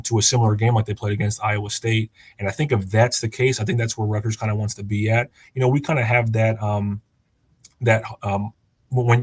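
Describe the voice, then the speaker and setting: Relaxed man of thirty, low flat voice. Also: dry recording. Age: 30s. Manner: relaxed, chatty, many fillers and restarts. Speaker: guest, former college quarterback. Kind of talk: casual podcast chat.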